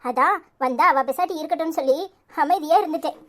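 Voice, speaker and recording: A woman's voice: sits high, quick pace, fairly bright tone. A woman voicing an earnest, pleading young married daughter in a cartoon, with a Tirunelveli Tamil accent.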